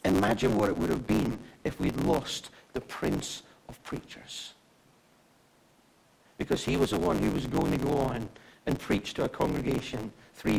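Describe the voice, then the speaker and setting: Gravelly preacher, lively delivery. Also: male voice, mid-range voice, rough recording. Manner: chatty, asks the audience questions. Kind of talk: conversational sermon.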